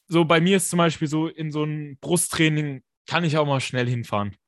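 A man with a scratchy smoker's rasp, co-hosting a podcast and giving blunt, colloquial, emphatic coaching advice in a casual chat. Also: fairly high pitch, moderate pace, a bit bright, no room sound, clean studio sound. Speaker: podcast co-host and fitness coach.

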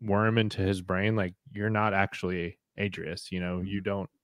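A man's voice: sits low, little pitch movement, moderate pace, dry recording, clean studio sound. A man talking as a podcast guest, thoughtful and hesitant with many "like" fillers. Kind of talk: casual chat.

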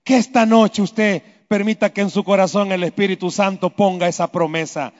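A man preaching a sermon, swinging between loud emphatic lines and hushed low ones. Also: steady tone, normal speed. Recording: echoey hall, dull lo-fi sound.

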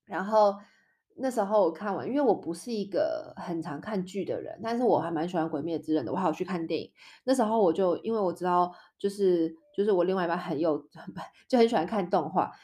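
A woman's voice: fairly low pitch, expressive, quick pace, dark tone. Young woman from Taiwan, casual podcast host, chatty, acts out little example lines. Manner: chatty, explains with playful example dialogues. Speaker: podcast host teaching Spanish. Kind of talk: casual chat.

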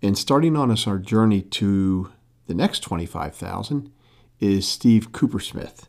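A man hosting a podcast intro in a low, hushed voice, keeping quiet at night. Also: expressive, unhurried, gravelly. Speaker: podcast host.

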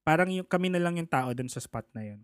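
A man's voice: on the high side, quick pace, no echo, clean studio sound. A man casually telling a personal story, acting out the people he quotes. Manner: animated, acts out the people he quotes.

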